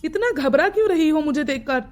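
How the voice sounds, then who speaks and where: A woman voicing a polite young married man from a wealthy family in a cartoon story, with a deepened, distant-sounding voice. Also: lively intonation, a little fast, a little mellow. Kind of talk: cartoon voice acting.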